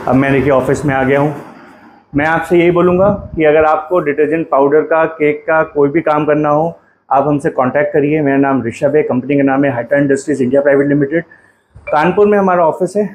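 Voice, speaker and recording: A man in his thirties speaks straight into a phone held at arm's length, promoting his business in a persuasive salesman's manner. His voice sits a bit high for a man. A faint hum runs under the recording. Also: low-quality recording. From India. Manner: persuasive salesman, direct address to viewers. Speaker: detergent company owner and trainer. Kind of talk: promotional factory tour and pitch. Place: factory floor, then small office indoors.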